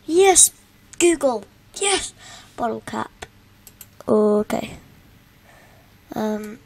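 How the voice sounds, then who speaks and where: A woman's voice: a little high, darkish tone. A woman vlogger giving casual commentary while playing a drawing game, humming and muttering to herself in a playful way.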